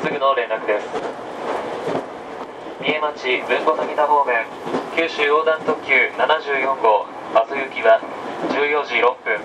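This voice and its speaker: A man working as a train conductor, making formal, measured and polite onboard announcements. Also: recorded from a distance. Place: inside a moving train carriage. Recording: train PA from afar, loud carriage rumble. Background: train running noise.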